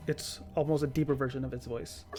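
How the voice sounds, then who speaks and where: A game master improvising tabletop game narration in a halting, conversational way. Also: mid-range voice, fairly even intonation, warm tone, faint music behind. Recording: clearly audible background noise.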